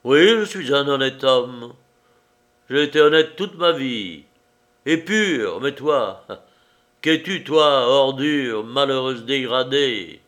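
A man reading aloud voicing an awkward, self-righteous young man who stammers and then lashes out with loud insults. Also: on the high side, lively intonation, takes it slowly, pauses often, pitched above the performer's own voice. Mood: raging.

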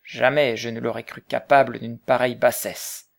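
A man reading the part of an old Quaker, earnest and gently reproachful, in an audiobook. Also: mid-range voice, little pitch movement, moderate pace, creaky, lightly acted.

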